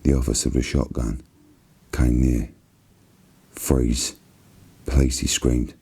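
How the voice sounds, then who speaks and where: Very deep, gravelly Cockney man reading softly. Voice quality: very husky, soft and gravelly. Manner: hushed, unhurried, even narration. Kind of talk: ASMR reading of a novel.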